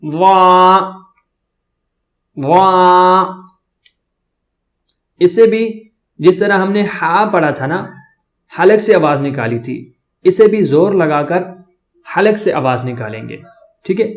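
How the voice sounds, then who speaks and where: A man teaching the Arabic alphabet to beginners, drawing out each letter sound slowly and often checking in with his learners. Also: high-pitched, lively intonation. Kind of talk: children's reading lesson.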